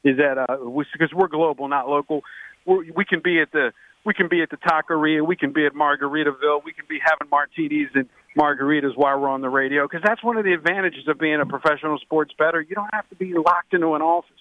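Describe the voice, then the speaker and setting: A man from Baltimore co-hosting a sports betting radio show, calling in from a restaurant and telling stories in a talkative, energetic way. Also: fairly high pitch, fast, dry recording. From Baltimore, Maryland. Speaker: co-host. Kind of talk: casual radio chat. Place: Mexican restaurant, phone call. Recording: tinny phone line.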